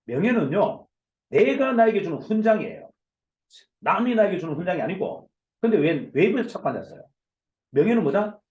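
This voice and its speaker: Loud, emphatic man lecturing over echoey call. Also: sits high, dull audio. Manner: loud, emphatic, hammering rhetorical questions. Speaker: company CEO giving a business lecture. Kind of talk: forceful motivational lecture. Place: online video session. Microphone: video call.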